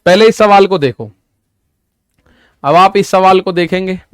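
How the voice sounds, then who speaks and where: A male maths teacher walks his students through an exam problem step by step, repeating each key point. His voice is high and smooth. It is recorded close and dry, with no room sound. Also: unhurried, a bit bright, no room sound. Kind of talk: online exam-prep maths lesson.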